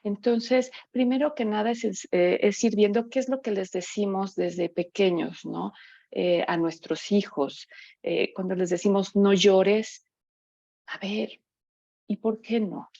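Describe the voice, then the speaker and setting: A woman's voice: medium pitch, steady tone, measured pace, creaky, mellow, dry recording. A woman giving a workshop talk on grief, conversational, with frequent fillers and tag questions. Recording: dull, dry sound.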